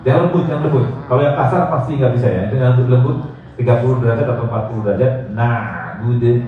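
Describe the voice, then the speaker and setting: A man teaching a tajwid lesson, chanting verses slowly and explaining with light jokes, recorded in a mosque hall. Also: mid-range voice. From Indonesia. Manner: slow drawn-out chanting of verses between quick joking explanations. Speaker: Quran recitation teacher. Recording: echoey hall, distant, phone-like sound.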